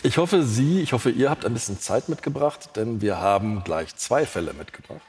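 A man from Lower Saxony co-hosting a live podcast on stage, dry and playful as he runs the show. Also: lively intonation, normal speed. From Lower Saxony, Germany. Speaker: podcast co-host. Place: large concert hall before an audience. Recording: hall reverb with faint noise.

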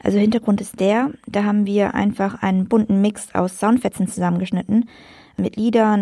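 A woman's voice: mid-range voice, vocal fry, warm tone, no echo, studio quality. A woman from Cologne co-hosting a podcast, explaining things bluntly in casual talk. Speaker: podcast co-host.

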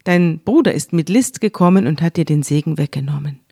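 An old blind father speaks in grave, measured words, as a woman retells him. The voice sits low, and the sound is close and dry. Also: mellow, slightly rough, no room sound. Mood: solemn.

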